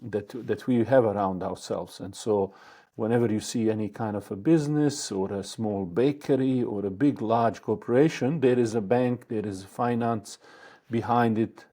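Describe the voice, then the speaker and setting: A man from Bosnia, a guest answering interview questions in a thoughtful, halting way with many fillers and restarts. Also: on the low side, a little mellow.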